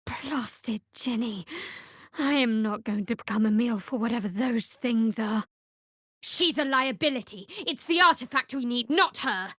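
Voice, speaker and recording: In a fantasy video game, an actress voices a guarded, devout young cleric of a dark goddess, speaking in a dry, wry, measured way with a wry, appraising mood. Her female voice sits fairly high in pitch, and there's no room sound.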